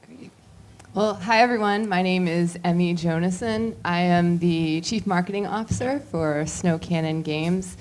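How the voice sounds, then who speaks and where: Very low-voiced woman addressing an audience. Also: unhurried, darkish tone. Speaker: chief marketing officer, panelist. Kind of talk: self-introduction in front of an audience. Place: live event in front of an audience. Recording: live room with faint noise.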